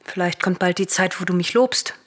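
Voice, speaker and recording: In a classical radio drama, an actress voices a cautious, reasoning royal sister, her female voice fairly low with a touch of brightness. She delivers formal, measured verse in an admonishing tone.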